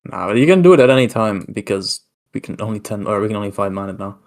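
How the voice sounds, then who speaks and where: A man with a British accent bantering casually in a gaming voice chat, laughing often and calling out quick directions. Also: lowish voice, expressive. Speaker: gamer in group voice chat.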